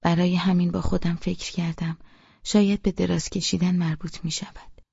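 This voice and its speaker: A woman reading a novel aloud in first person, in a hushed, half-whispered voice. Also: lowish voice, little pitch movement, creaky, husky, dry recording, dull audio. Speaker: audiobook narrator.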